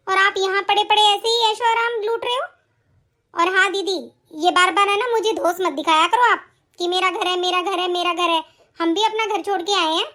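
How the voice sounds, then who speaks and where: A dutiful young sister-in-law who has had enough, as a woman voices her in an animated story. She speaks in a very high voice, firmly and indignantly, and lectures back.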